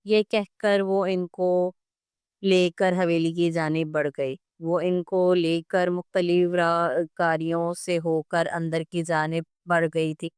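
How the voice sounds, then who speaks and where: A woman reading a romance novel aloud as a steady, even storyteller, recorded close to the mic. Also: lowish voice, slow, smooth, no echo. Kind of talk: scripted narration of a romance novel.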